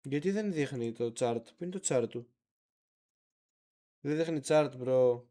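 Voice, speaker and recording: A man of middling pitch runs a live stream and talks over the clips in a loose, slangy way. His commentary is relaxed and half-muttered, as if he were chatting with friends. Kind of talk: casual live-stream chat.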